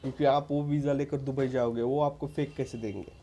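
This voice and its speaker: Man vlogger, warm mellow voice, chatty and insistent, faint hiss behind. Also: medium pitch, steady tone, fairly quick. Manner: informal, repeats "ठीक है" as a tag, frequent restarts; earnest and insistent, addresses viewers as friends. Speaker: vlogger giving visa advice. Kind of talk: casual advice talk to camera.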